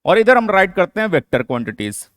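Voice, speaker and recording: Guy teaching a physics class, clear voice, asks and answers himself, dry close sound. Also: high-pitched, sing-song, fast, a bit bright, no echo. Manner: explains step by step, asks and answers his own questions; mixes English terms into Hindi. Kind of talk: classroom lecture.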